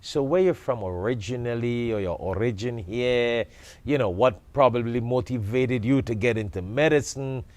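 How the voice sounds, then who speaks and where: A man's voice: medium pitch, moderate pace, a little mellow, no echo. A man hosting a studio talk show interview, giving formal, effusive introductions and asking questions.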